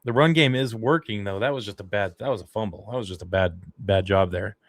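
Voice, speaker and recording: A man's voice: fairly low pitch, brisk, no room sound, studio quality. A man hosting a fan livestream, giving casual, emotional play-by-play commentary on a football game. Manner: excitable, emotional fan reactions.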